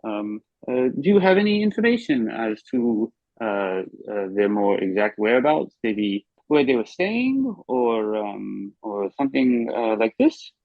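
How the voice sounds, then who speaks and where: A man's voice: medium pitch, big pitch swings, unhurried, few pauses, dry recording. A man playing a tabletop role-play game, speaking hesitantly with many fillers. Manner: hesitant, full of ums and uhs. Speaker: player. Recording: dull lo-fi mic.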